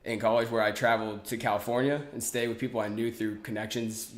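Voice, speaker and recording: This twenty-something man is a podcast guest chatting casually, easygoing and prone to fillers and false starts. He has a lowish voice and talks fast, and the recording is reverberant.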